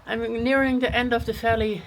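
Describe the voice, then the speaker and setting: A woman's voice: on the high side, little pitch movement, a little fast, slight background noise, poor audio. A woman hiking vlogger talking casually outdoors on a mountain trail in the rain, chatty with frequent fillers. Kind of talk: casual vlog narration while hiking.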